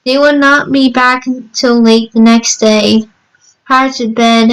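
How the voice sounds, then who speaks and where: Slow, clear-voiced woman reading horror. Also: on the high side, poor audio. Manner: halting reading with repeated words and stumbles. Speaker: narrator reading a fan horror story. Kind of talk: scripted story narration, horror reading.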